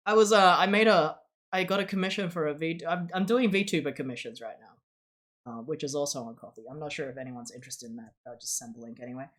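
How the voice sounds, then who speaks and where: A young Australian streamer and channel host chats loosely on a live stream, speaking with an Australian accent at a middling pitch. Their delivery is a little fast and a bit bright, full of rambling, restarted sentences and frequent laughter in this casual stream chat.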